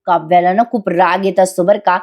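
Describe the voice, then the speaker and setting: A woman's voice: lowish voice, little pitch movement, brisk, darkish tone. A woman giving a voice-over TV serial episode recap in a chatty, dramatic manner, speaking straight to her viewers. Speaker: TV serial reviewer.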